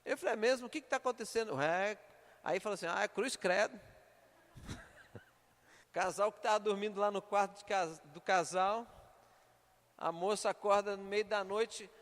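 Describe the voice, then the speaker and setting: A man's voice: high voice, steady tone, measured pace, long pauses, a bit bright. A male pastor with a Minas Gerais Brazilian accent preaching a sermon, telling a story vividly and then exhorting the congregation with urgency. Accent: Brazilian Portuguese, Minas Gerais. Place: church hall. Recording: long reverb of a church hall.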